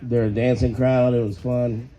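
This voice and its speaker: Hoarse, dark-voiced man with a worn-out voice. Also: mid-range voice, little pitch movement, normal speed, highs cut off, soft background music. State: hoarse, voice nearly gone. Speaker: band lead singer and rhythm guitarist. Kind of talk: casual interview chat.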